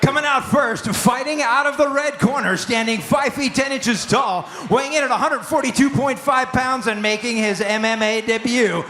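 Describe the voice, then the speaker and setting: A man announcing fighters in a booming, showmanlike style, stretching out their names, over a venue sound system. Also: moderate pace, hardly any pauses, pushed and bright. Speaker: ring announcer. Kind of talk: fighter introductions with drawn-out names. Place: large indoor fight venue. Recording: echoey venue PA with faint crowd noise.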